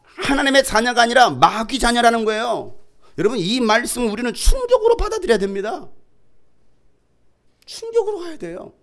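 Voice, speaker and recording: A middle-aged pastor preaching a sermon, fiery and dramatic, who often shouts to drive home his point. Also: very high-pitched, very animated, moderate pace.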